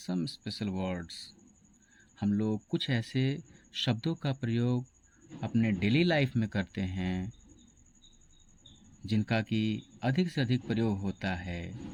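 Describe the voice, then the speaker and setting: Slow-spoken man teaching pronunciation. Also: on the low side, darkish tone, a little hiss or hum. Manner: slow, deliberate, spells words letter by letter. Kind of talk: pronunciation lesson.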